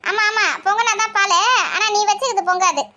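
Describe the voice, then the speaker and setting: A woman playing a nagging shrill mother-in-law. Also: steady tone, bright, forceful tone. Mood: taunting. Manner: scolding, taunting, quick retorts. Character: nagging sharp-tongued mother-in-law, middle-aged woman. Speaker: mother-in-law in a family skit. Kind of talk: village family comedy skit.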